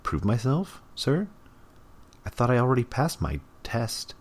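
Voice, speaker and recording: A man's voice: mid-range voice, very animated, measured pace, a little hiss or hum, pitched above the performer's own voice. A man voicing a young male underling who is nervous and deferential, speaking politely and hesitantly. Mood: startled.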